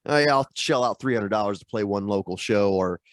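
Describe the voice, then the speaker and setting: A man with a lowish voice, speaking a little fast, is a guest musician on a video-call interview. He sounds stuffy from a sinus infection and rambles in a self-deprecating way, full of fillers, during a casual chat. The recording is dry and studio quality.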